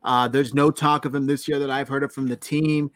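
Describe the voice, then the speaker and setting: A man's voice: medium pitch, flat delivery, brisk, fairly bright tone, no room sound. A man with a dry, close voice talks casually on a sports podcast. He sounds upbeat and now and then drops in a sarcastic aside. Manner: enthusiastic, uses dry sarcasm. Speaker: podcast co-host.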